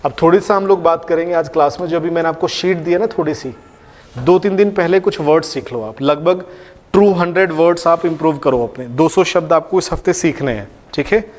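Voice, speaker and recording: A man's voice: fairly high pitch, a little fast, big-room sound. A male English teacher, giving a classroom vocabulary lecture and drilling each word by saying it aloud several times. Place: classroom with a board.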